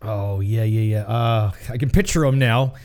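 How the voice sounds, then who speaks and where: A man's voice: lowish voice, normal speed, darkish tone. A man hosting a casual interview, mostly answering with short encouraging interjections and questions.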